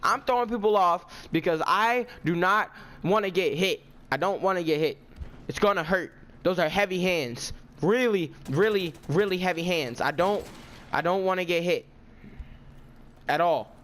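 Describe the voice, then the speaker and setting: A man's voice: high voice, normal speed, a bit bright. Indignant ranting teenage boy. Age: teens. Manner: indignant, ranting, self-justifying. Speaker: vlogger telling a story. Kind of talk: casual storytime monologue.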